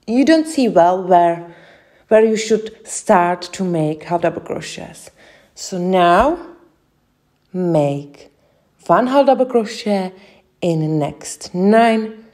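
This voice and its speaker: Young Czech woman, Czech accent, crochet tutor; mellow, unhurried delivery, halting between steps. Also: lowish voice, animated. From Czech Republic. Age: young adult. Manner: slow, careful, with many hesitations. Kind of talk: step-by-step craft instruction.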